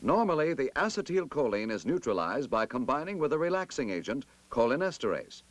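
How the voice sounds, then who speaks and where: In a dry recording, a man's mid-range, sing-song voice carries the narration of a scripted 1960s military training film. He speaks formally, with emphasis and a measured pace.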